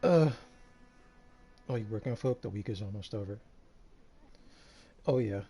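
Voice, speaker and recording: A man streaming a game live, tired and a bit out of breath, talking in a relaxed, rambling way with lots of fillers. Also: lowish voice, moderate pace, husky. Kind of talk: casual live-stream commentary.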